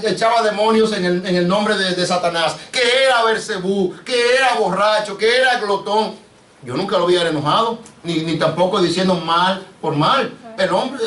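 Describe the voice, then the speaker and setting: Predicador, hombre, sermón, tono alto, grabado a distancia, sala con reverberación, ruido leve de fondo. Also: male voice, high voice, normal speed, fairly bright tone, slight background noise. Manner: preachy, asks the congregation questions, addresses them as brother. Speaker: pastor. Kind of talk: sermon. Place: church sanctuary. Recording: echoey church, mic off at a distance.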